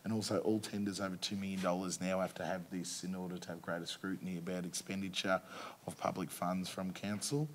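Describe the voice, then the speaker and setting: Aussie bloke chairing a council meeting, deep voice, brisk and procedural, bit of faint background hum. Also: male voice. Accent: Australian. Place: council chamber.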